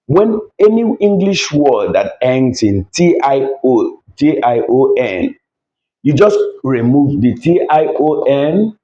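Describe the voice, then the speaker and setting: A man teaching a language lesson at a board, repeating each word slowly to drill it. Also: medium pitch, warm tone, muffled recording.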